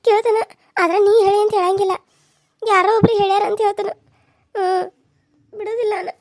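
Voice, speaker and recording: A worried village woman in a cartoon serial, voiced very high by a woman. She talks in an urgent, confiding way with a North Karnataka Kannada accent. The recording is close and dry. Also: fairly even intonation, brisk, dry recording.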